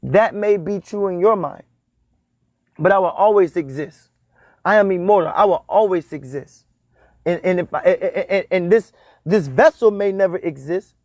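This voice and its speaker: Emphatic high-voiced spiritual teacher, man. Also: normal speed, darkish tone, dry recording. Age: 30s. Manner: repetitive, emphatic, preacher-like cadence. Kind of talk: spiritual talk on dream symbols.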